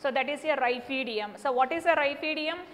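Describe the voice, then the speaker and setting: A middle-aged botany teacher, a native Tamil speaker with a South Indian Tamil accent, gives a classroom lesson mixing English and Tamil, emphatically repeating points and often using check-in words. Her voice sits high, fast, and a bit bright. Recorded on a lapel mic in an indoor teaching studio beside a display board, the room is echoey with clear background noise.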